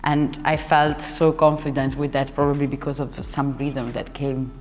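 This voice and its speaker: Speaking as an interview guest, a young dancer and choreographer from Italy laughs often, restarts her sentences and pauses to look for words. Her voice rumbles low, stays level and is a little mellow, with hall echo and soft music in the background.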